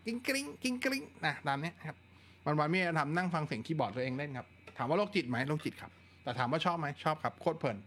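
A man's voice: fairly high pitch, racing, a little hiss or hum. Chatty man hosting a tech livestream. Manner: relaxed, chatty, answers viewer questions with frequent fillers. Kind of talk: casual live Q&A chat.

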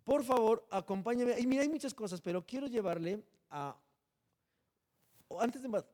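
Lively high-voiced pastor preaching. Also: male voice, normal speed. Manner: animated, joking, dramatic swings in loudness. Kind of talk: sermon.

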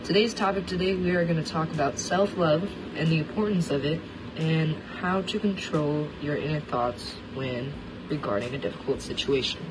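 On her personal monologue podcast, this woman in her twenties, originally from Russia, speaks in a deep voice at a moderate pace. Her tone is earnest and reflective, her delivery steady as she discusses her life, over a noisy background.

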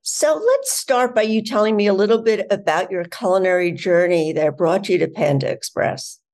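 A woman hosting a podcast, reading a measured scripted introduction and then asking interview questions. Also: mid-range voice, a little mellow. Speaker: podcast host and editor.

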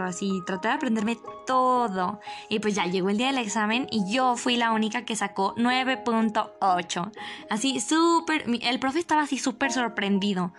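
A young woman with a Mexican Spanish accent telling a personal story in a casual, animated, dramatic way. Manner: animated, dramatic, jumps up in pitch for emphasis.

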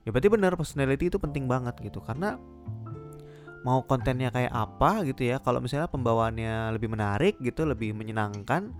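A young man hosting a solo podcast in a relaxed, chatty way, with lots of casual filler phrases. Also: medium pitch. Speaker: podcast host.

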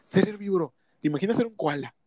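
A man's voice: sits high, animated, quick pace, a little mellow, dry recording. Joking young Mexican man, dry sound. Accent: Mexican Spanish. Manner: joking, teasing, laughs often. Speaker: podcast co-host. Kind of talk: casual podcast banter.

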